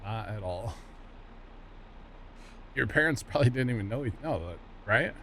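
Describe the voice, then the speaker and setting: A middle-aged man hosts a gaming livestream with a medium-pitched, animated voice, a sharp tone and a measured pace. He chats casually, teases his co-player, jokes and hums while playing, with game vehicle engine noise in the background.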